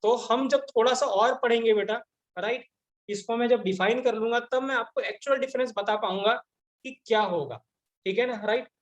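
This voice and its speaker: A man teaching a chemistry class in Hindi mixed with Indian English, dictating definitions slowly and repeating each phrase for his students. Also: extremely high pitch, lo-fi sound. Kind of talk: classroom lecture dictating notes.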